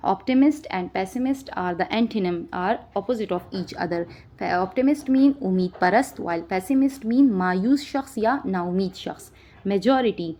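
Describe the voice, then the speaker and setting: A woman teaching vocabulary, listing each word with its meaning and often checking understanding with a quick question. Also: mid-range voice, a little mellow. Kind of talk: spoken vocabulary lesson.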